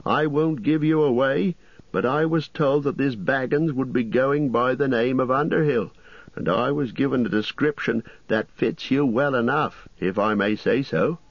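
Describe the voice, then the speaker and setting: A man voicing a fussy, apologetic middle-aged innkeeper who chatters and rambles, with a husky voice. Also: medium pitch, normal speed, no echo, lo-fi sound, voice pushed up, lightly acted. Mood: fussy, rambling.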